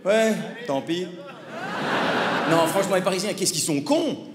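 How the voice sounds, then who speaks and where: A man's voice: sits high, animated, measured pace. A man with a Belgian French accent performing a sarcastic stand-up routine on a theatre stage before a live audience. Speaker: stand-up comedian. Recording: echoey hall, audience noise.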